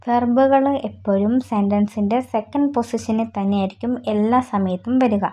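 A woman teaching German grammar rules in Malayalam, who spells out examples slowly and deliberately. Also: medium pitch, dark tone. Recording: slightly dull lo-fi audio.

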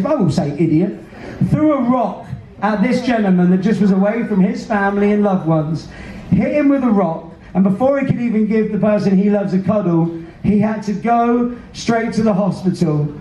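A man's voice: sits high, warm tone, recorded from a distance. A British man working as a cruise director, addressing a theater audience from the stage in an earnest, emphatic, emotive way through a PA. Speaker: cruise director hosting a veterans' event. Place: large indoor theater stage. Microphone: handheld mic, filmed from the audience. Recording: roomy theater PA heard from afar, faint noise.

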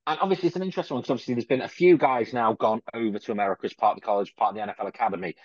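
A middle-aged man hosts a podcast from a room at home, interviewing a guest with long, winding questions and leaning often on the word "obviously." His mid-range voice races along, with no room sound, over dull lo-fi video call audio.

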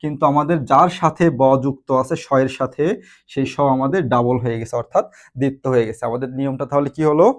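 A man teaching a grammar lesson slowly and deliberately, repeating examples and asking rhetorical questions. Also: medium pitch, fairly even intonation.

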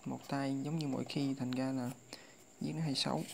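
A tutor gives a casual lesson, slowly reciting and repeating readings as a drill. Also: mid-range voice, little pitch movement, vocal fry, darkish tone, a little hiss or hum. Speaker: language tutor.

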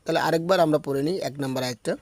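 Man, Quran teacher, patient explanations, slow drawn-out recitation demos, dry close mic. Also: on the high side, dry recording. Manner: patient explaining, correcting common pronunciation mistakes.

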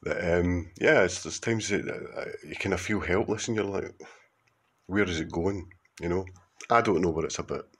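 A contributor in his fifties, a Scot with a Glaswegian accent, records a casual video message to camera in a low-pitched, slightly bright voice with a breathy edge, at a normal speed. He wanders through his points hesitantly, with lots of fillers and false starts.

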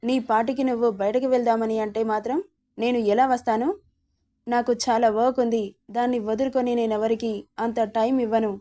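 A woman's voice: a little high, flat delivery, a little fast, dark tone, close to an everyday voice. A woman reading a curt irritated young man. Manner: curt, annoyed.

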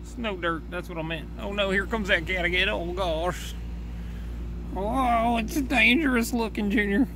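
A man's voice: high-pitched, unhurried. Man doing a goofy, clueless cartoon dad, noisy recording. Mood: fretful, clueless. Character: goofy, clueless, anxious cartoon dad searching for his son. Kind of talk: improvised play with toy figures. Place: outdoors on sandy ground. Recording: noisy outdoor handheld camera recording.

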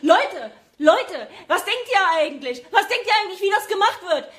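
A woman's voice: very high-pitched, very animated, normal speed, fairly bright tone. A woman from Germany in an agitated live-stream rant to her viewers, repeating phrases for emphasis. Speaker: vlogger addressing viewers.

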